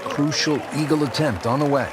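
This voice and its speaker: A man's voice: a little high, brisk, noisy background. A man working as a golf commentator, calling play in short descriptive phrases and putting questions to his partner. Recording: loud music and crowd behind.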